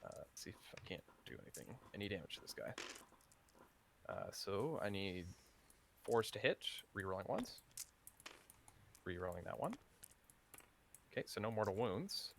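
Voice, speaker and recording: A man's voice: fairly low pitch, big pitch swings, normal speed, creaky, pauses often, slight background noise. A man playing a tabletop wargame, calling out his dice rolls with hesitant fillers. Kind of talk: casual game commentary.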